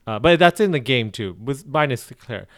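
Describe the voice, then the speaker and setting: A man co-hosts a casual podcast chat, rambling, restarting, and saying "um" often. His mid-range voice is expressive and a bit bright, at a moderate pace. He's recorded close on a podcast mic with no echo.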